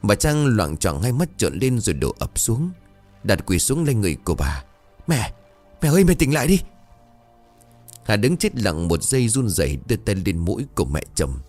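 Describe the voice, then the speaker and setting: A man narrating a ghost story in a dramatic, expressive way. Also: on the low side, a little fast, soft background music.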